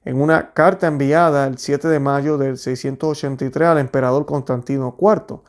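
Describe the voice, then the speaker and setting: A man reading a history text aloud in a measured, steady way, then explaining it to his viewers. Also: mid-range voice. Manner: steady, measured reading with small restarts on words.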